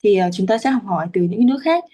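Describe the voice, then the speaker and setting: A woman's voice: mid-range voice, animated, quick pace, mellow. A woman from Vietnam, patiently explaining Pali chanting rules with frequent hesitations. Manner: patient, many fillers, spells out syllable lengths. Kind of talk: teaching explanation.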